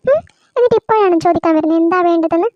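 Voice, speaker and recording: A woman's voice: very high voice, rapid-fire, no room sound, lo-fi sound. A woman voicing a fussy, complaining grandmother in a cartoon, with an impatient, scolding manner. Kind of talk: cartoon voice acting.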